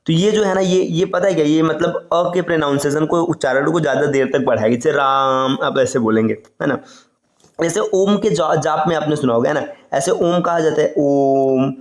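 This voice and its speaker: A man's voice: a little high, darkish tone, echoey room. A man teaching an online exam-prep lesson, explaining step by step and stretching out sounds as he goes. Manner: explains slowly, drawing out sounds and repeating "है ना".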